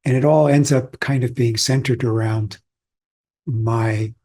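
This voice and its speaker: Husky-voiced man giving a calm Zen talk. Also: mid-range voice, a little slow. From Austria. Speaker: Zen teacher. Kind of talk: dharma talk.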